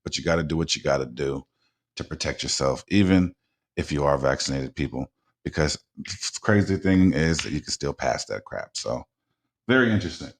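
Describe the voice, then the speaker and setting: A man's voice: rumbling low, animated, moderate pace, husky. A man hosting a casual talk radio show, blunt and informal, rambling with frequent restarts and repeated words.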